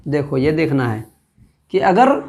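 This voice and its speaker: A man's voice: fairly high pitch, big pitch swings, unhurried, darkish tone. Man, patient teacher for an online alphabet lesson, reads the letter names one at a time and quizzes the viewer, in no hurry at all. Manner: patient, repeats points and checks understanding. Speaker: Urdu teacher.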